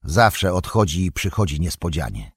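Steady loyal palace guard, man reading, husky low voice. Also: moderate pace, dry recording, clean studio sound, exaggerated voice. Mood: calm.

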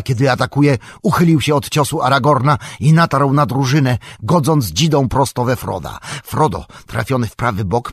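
Man reading fantasy audiobook, husky voice, dry close sound, dramatic pacing. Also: medium pitch, no room sound. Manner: dramatic, measured storytelling. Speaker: audiobook narrator. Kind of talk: scripted narration.

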